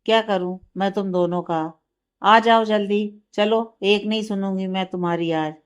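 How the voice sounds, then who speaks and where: A woman's voice: mid-range voice, steady tone, normal speed, smooth, close to an everyday voice. A woman voicing a bossy mother scolding her sons. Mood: scolding coaxing. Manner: bossy, coaxing.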